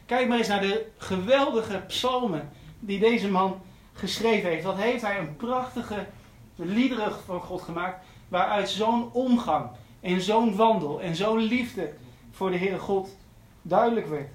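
A man delivers an earnest sermon, circling back to repeat his key phrases. His voice sits high for a man. The sound rings with the echo of a large church. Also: a little slow, hardly any pauses. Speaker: preacher.

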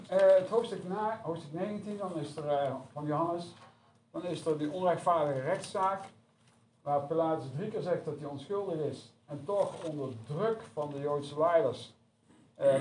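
A man's voice: on the high side, normal speed, darkish tone. A man preaching a sermon in a conversational, hesitant way, recorded from far off in an echoey church hall. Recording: echoey room from far off, noisy.

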